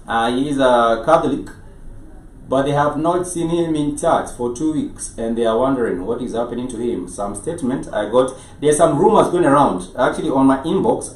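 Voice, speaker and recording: A man with a Kenyan accent hosting a live show, speaking in a halting way and often rephrasing himself. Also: mid-range voice, darkish tone. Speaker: show host. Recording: echoey, noisy room, distant mic.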